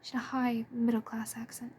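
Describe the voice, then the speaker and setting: A woman reading a story aloud in a soft, breathy and hushed way. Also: a little high, flat delivery, a little fast, a little hiss or hum. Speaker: fan audiobook reader. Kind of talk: storybook narration.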